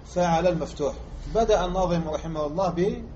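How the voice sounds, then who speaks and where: A man from Algeria teaching Arabic morphology as a lecture, repeating example words slowly and quizzing his listeners. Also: high-pitched, warm tone, slight background noise. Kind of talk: classroom lecture explaining grammar. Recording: muffled lo-fi recording.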